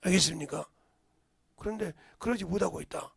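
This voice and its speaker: A middle-aged male pastor preaching a sermon in a church, dropping to whispers and bursting into shouts. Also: high voice, a little fast, gravelly, husky, dry recording. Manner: swings from hushed whispers to sudden shouts. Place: church sanctuary.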